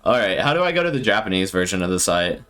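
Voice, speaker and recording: A man streaming live and thinking out loud with casual commentary, laughing often. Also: low voice, very animated, fast talker, soft background music. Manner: thinking aloud, frequent laughter.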